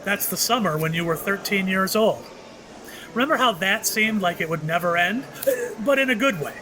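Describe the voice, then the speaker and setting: A male actor voices a mysterious shopkeeper in an audio drama, using a high, very lively voice at a moderate pace. Genial and wry, the shopkeeper offers cryptic remarks with courteous, apologetic hesitation. The low-quality recording carries clear background noise.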